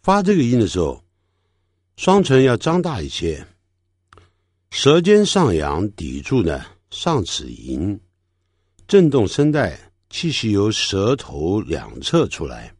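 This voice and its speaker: A man giving a pronunciation lesson, explaining sounds patiently and repeating practice words slowly for learners to copy. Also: deep voice, darkish tone, husky, no room sound, studio quality. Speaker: English teacher.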